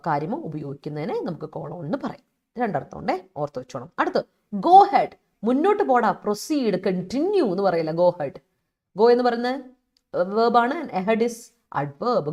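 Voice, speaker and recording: A woman with a Malayali accent teaching English vocabulary in a live online class, calling students by name and reminding them often. She talks fast, then slows right down to read out each English example. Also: medium pitch, a little mellow. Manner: switches fast between Malayalam and slow, deliberate English examples. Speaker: English teacher for exam aspirants.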